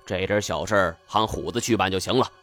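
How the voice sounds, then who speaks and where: A man voicing a coarse, bad-tempered rural husband who talks gruffly and swears. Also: sits low, moderate pace, fairly bright tone, faint music behind. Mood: grumbling.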